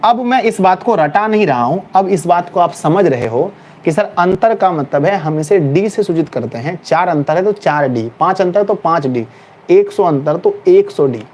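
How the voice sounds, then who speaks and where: A male math teacher with a high, bright voice, lecturing a class in a lively, teasing way. Faint background noise and the odd passing vehicle can be heard behind him. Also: moderate pace. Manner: lively, calls students "my child", teasing scolding.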